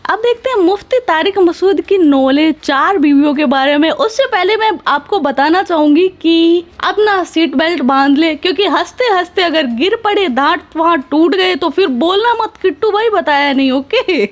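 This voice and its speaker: A woman hosts a comedy reaction show in a chatty, sarcastic voice and teases the clips as she goes. Her voice sits notably high. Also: expressive, normal speed, few pauses. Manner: teasing, sarcastic, chatty, mixes English phrases. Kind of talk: casual comedic commentary.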